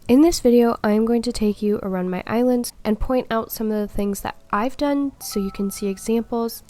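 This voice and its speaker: A young woman a little under the weather, her voice slightly crackly, calmly explaining tips step by step in a tutorial voice-over. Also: medium pitch. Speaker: video game tutorial host.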